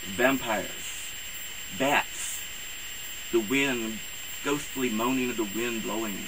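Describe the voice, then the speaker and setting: A man speaking as a campy horror host, introducing things in a rambling, halting, theatrical way. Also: medium pitch. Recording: clear hiss and background noise.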